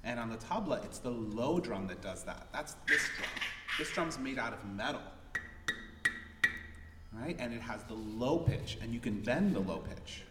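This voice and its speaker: A man's voice: mid-range voice, moderate pace. Guy showing kids the tabla, voice swinging up and down, echoey hall, mic far away. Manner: lively, speaks drum syllables aloud. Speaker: tabla player teaching children. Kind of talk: classroom music demonstration. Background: live instrument music.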